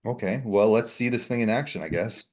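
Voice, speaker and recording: A man's voice: on the low side, a little fast, darkish tone. A man talking as a player in a tabletop horror game, mixing in-character talk with easy chatter.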